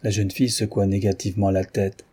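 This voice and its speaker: A man reading a novel aloud as an audiobook narrator, in measured, even storytelling. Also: sits low, slightly rough. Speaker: audiobook reader.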